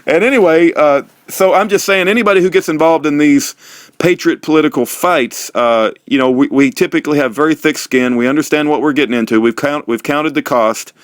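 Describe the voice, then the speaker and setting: The sound is studio quality with no echo, and his voice runs a little high and fairly quick. As a middle-aged American host and prisoner-support activist, he delivers a meandering, informal monologue to viewers, folksy and preacherly, leaning on repetition.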